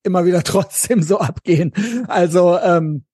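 High-voiced chatty West German man. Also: fairly even intonation, moderate pace, darkish tone, no echo, clean studio sound. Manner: chatty, slangy, keeps adding tag questions. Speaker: podcast co-host. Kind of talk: casual political chat.

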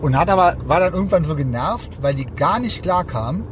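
A man with a somewhat raised voice tells a long story in loose casual chat and fills his sentences with small fillers. He is recorded inside a moving car. Loud road and engine noise runs under his voice. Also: a little high, lively intonation, fairly quick. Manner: rambling anecdote telling with many fillers.

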